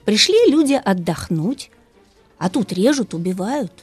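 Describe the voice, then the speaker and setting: A woman guest speaking as a music expert, explaining things lively and asking rhetorical questions. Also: medium pitch, unhurried, breathy edge, no room sound. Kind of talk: radio talk about opera.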